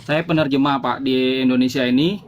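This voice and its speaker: A man's voice: medium pitch, steady tone, fairly quick, lo-fi sound, background noise. A man hosting a live debate, explaining his points insistently and often repeating himself. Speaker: host, translator and team leader debating religion.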